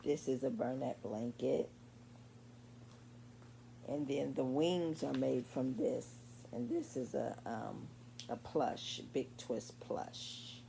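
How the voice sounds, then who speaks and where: A woman in her sixties showing her crochet work in a casual vlog at home late at night, sleepy and meandering, with many pauses and ums. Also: extremely low pitch, vocal fry, warm tone, slight background noise. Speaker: crochet vlogger. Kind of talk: casual show-and-tell vlog.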